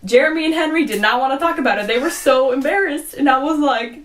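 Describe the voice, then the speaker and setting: A woman's voice: high-pitched, fast. Rambling young woman telling a story. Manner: rambling, heavy use of "like", frequent swearing; quoting her own past reactions in a hushed voice. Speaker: vlogger. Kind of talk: casual storytime.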